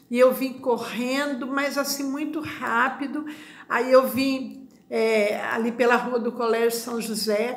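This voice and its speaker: A woman pastor from Brazil telling a testimony in a sermon, animated, acting out quoted dialogue. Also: high-pitched. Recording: echoey room.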